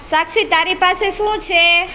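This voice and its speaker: A woman preschool teacher quizzing small children in a classroom, speaking slowly and patiently and repeating each child's answer back. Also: extremely high pitch, fairly even intonation, pushed and bright, slight background noise.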